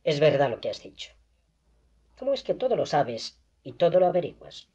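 In this audiobook reading, captured on a dull lo-fi recording, the narrator takes on the part of a desperate, proud young woman living in poverty, pleading and agitated. The voice is medium in pitch and mellow, with a sing-song lilt at a moderate pace.

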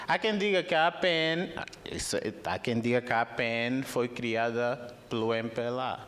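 A young man with an Angolan Portuguese accent performing a stand-up comedy set on a theater stage, speaking into a handheld microphone. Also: a little hiss or hum. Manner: animated, jumps into high squeaky put-on voices. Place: theater stage with live audience.

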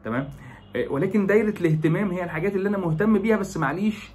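Egyptian man, young, brisk educational presenter, fills pauses with "aah", faint hiss behind. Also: high voice, darkish tone. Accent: Egyptian Arabic. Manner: explains with lots of English terms and filler "aah". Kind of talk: educational talk.

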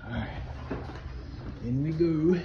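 A man with a somewhat high voice speaks slowly and casually, hosting a home vlog and being playful and encouraging with his family. He's filmed indoors and in the yard on a handheld phone, and the recording sounds muffled and clearly noisy.

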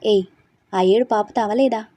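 A woman's voice: mid-range voice, moderate pace, warm tone, natural voice. A woman voicing a stern, angry young husband who scolds curtly in a storybook reading. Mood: scolding. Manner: curt, scolding.

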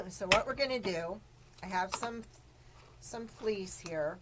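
During a live-streamed craft demonstration, a woman with a mid-range, expressive voice chats through each step slowly, greets her viewers, and coughs now and then after choking. Heavy background noise fills the recording.

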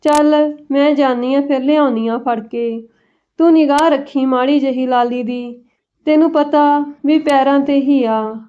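A woman's voice: high voice, measured pace, muffled recording. Woman voicing an old village mother. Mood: instructing. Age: older. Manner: chiding, motherly.

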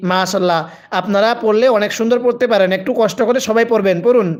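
Speaking at a quick pace in a high voice, a man teaches Quran reading live in a call-and-repeat format. He spells out letters and vowels, stretches each word, and urges his listeners to read aloud with him.

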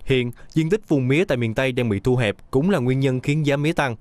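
Brisk male news voice-over. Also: medium pitch, no echo. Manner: brisk, even newsreading. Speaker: news narrator.

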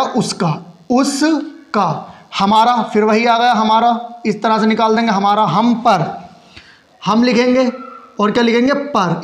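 A man with a very high-pitched voice gives a patient, step-by-step tutorial. He keeps asking the class a question and then answering it himself while he writes. His voice rings around an echoey room. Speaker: shorthand teacher.

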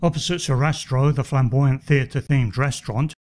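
A man giving scripted walking-tour narration, measured with a dry wit. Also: medium pitch, steady tone, a little mellow.

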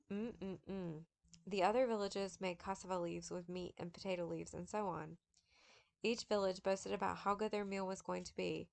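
A woman reading a memoir aloud in a steady, measured manner, with occasional slips. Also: on the low side, creaky. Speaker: audiobook reader.

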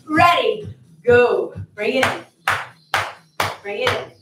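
A woman's voice: fairly high pitch, lively intonation, takes it slowly, very noisy. A woman fitness instructor calling out counts and cues in short, punchy, encouraging commands with upbeat energy. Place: indoor fitness studio with wooden floor. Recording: distant echoey studio with music playing. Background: workout music.

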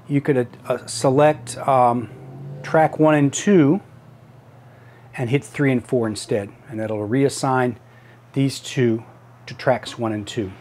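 A man in his fifties giving a casual product tutorial, haltingly thinking aloud as he demonstrates. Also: mid-range voice, a little mellow. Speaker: tutorial presenter. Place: small home office room.

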